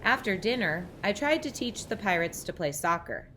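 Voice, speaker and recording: A woman reading a children's picture book aloud with expressive narration. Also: mid-range voice, normal speed, slight background noise. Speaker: storybook reader.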